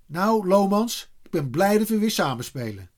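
A man's voice: high voice, big pitch swings, moderate pace, voice pushed up. A man voicing a friendly schoolboy teammate who talks in a confiding way.

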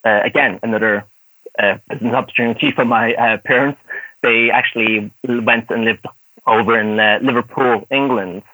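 Speaking at a normal speed with fairly even intonation, this man in his thirties has a medium-pitched voice that sounds pushed and bright. He's an actor and martial artist from Dublin who grew up speaking Cantonese and has a light, mixed Irish accent. As a guest on a casual podcast he rambles, uses lots of fillers, and laughs often, captured on a low-quality recording with no room sound.

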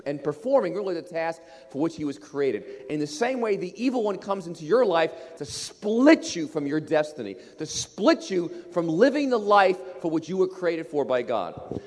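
A man preaching a sermon as pastor, animated and building to loud emphasis. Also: fairly high pitch, moderate pace. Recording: echoey hall with long reverb.

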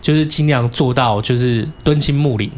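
A man with a Taiwanese Mandarin accent telling a story in casual chat, cursing and shouting when he acts out his anger. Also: medium pitch, normal speed. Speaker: podcast co-host.

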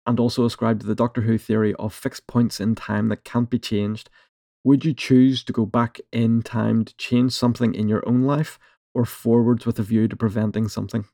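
Mellow, gravelly British man. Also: medium pitch, little pitch movement, moderate pace, dry recording, clean studio sound. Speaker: podcast host reading questions. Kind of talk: casual chat.

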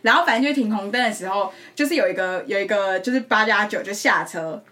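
A woman, telling stories in a casual podcast chat, animated and laughing often. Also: mid-range voice, fast. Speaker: podcast co-host.

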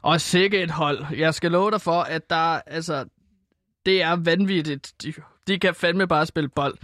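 A man's voice: fairly high pitch, fairly bright tone, no room sound, clean studio sound. A man talking football on a radio show, casual and hesitant with many ums. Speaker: football pundit.

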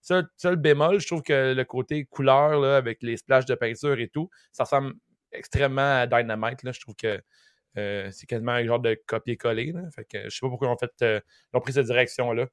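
A man with a Québécois French accent, a podcast guest giving relaxed, chatty commentary. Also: mid-range voice, fairly quick, clear, resonant tone, no room sound, studio quality. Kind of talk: casual podcast chat.

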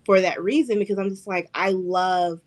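A woman's voice: mid-range voice, normal speed, a little mellow. Chatty woman host, "like"-heavy storytelling. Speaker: podcast host. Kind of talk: casual interview chat.

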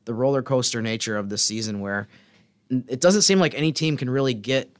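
A man co-hosting a casual sports podcast, talking in a thoughtful, measured way. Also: medium pitch. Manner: thoughtful, measured, fills pauses with "I mean" and "so". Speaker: podcast co-host.

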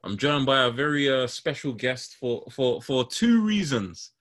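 A man's voice: medium pitch, big pitch swings, measured pace, a bit bright. A man with a London street accent hosting a podcast in casual, slangy roadman talk. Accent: London, urban street style. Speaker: podcast host. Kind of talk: casual chat.

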